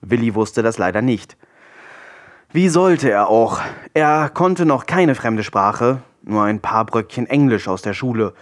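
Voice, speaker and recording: Man reading a storybook with lively intonation. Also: mid-range voice. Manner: playful, wry asides. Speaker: narrator.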